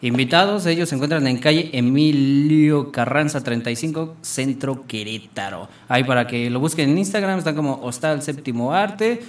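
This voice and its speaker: A man's voice: mid-range voice, moderate pace, hardly any pauses, recorded from a distance. Slangy, joking Mexican man hosting radio. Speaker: radio show host. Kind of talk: casual slangy chat.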